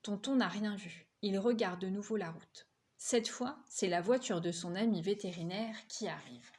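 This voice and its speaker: Brief: female reader, lively children's storytelling, raises pitch for dialogue. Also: normal speed. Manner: lively, voices characters' quotes higher. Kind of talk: reading a children's novel aloud.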